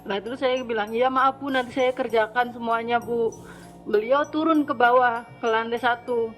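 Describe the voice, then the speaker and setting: Woman, household helper, personal testimony; high voice, shaky delivery, quoted lines acted out; faint music behind. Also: fairly even intonation, moderate pace, a bit bright. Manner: plain, shaky retelling that acts out harsh quoted lines. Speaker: household worker giving testimony. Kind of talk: personal testimony in a played clip.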